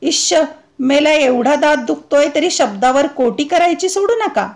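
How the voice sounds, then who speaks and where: A woman's voice: high-pitched, lively intonation, unhurried. Woman reading as a chiding, exasperated wife. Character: scolding practical wife.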